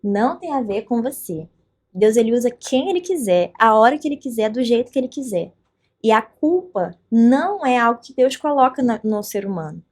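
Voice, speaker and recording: A Brazilian woman telling faith stories as a podcast guest, with an animated and earnest delivery. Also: a little high, moderate pace. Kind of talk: faith testimony in a podcast conversation.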